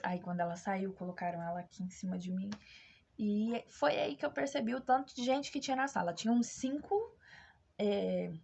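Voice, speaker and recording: A young vlogger with a Brazilian Portuguese accent candidly tells her audience a personal story on camera, acting out the people she quotes. Her mid-range voice has vocal fry and is a little mellow at a moderate pace, in a dull lo-fi recording.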